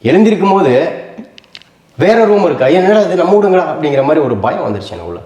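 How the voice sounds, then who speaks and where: A man's voice: fairly high pitch, sing-song, fast, mellow, reverberant. A man, a family vlogger, talking earnestly to his viewers in a casual vlog from a rented home.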